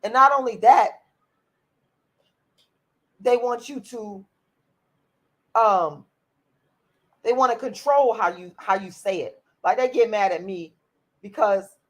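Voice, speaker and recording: A woman with a raspy, medium-pitched voice hosts a livestream, reading viewer comments and answering them bluntly and profanely. She's outspoken, speaks slowly with long pauses, and repeats herself often.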